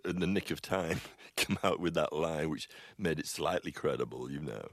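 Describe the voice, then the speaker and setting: Very deep, gravelly-voiced man telling stories. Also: a bit bright, dry recording, clean studio sound. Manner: halting and full of restarts, chuckling through stories. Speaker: film composer and interview guest. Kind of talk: anecdotal interview chat.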